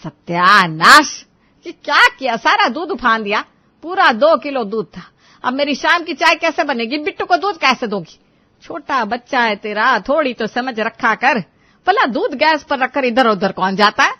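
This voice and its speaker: A woman voicing a bossy, taunting older mother-in-law in an animated story, scolding and complaining. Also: high-pitched, unhurried, muffled recording, heavily acted. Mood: angry.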